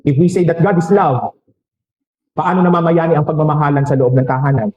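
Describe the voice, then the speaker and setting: Filipino priest giving a sermon, high voice, echoey church, joking around with the crowd. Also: male voice, fairly even intonation, a little mellow. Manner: preaching with rhetorical questions and quick jokes.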